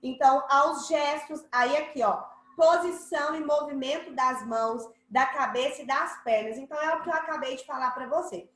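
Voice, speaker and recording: A woman's voice: high-pitched, normal speed, hardly any pauses, a bit bright, echoey room, rough recording. Playful Brazilian woman teaching a class. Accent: Brazilian Portuguese. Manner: playful, acts out examples in shifting voices. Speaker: schoolteacher. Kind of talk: online class explanation to children.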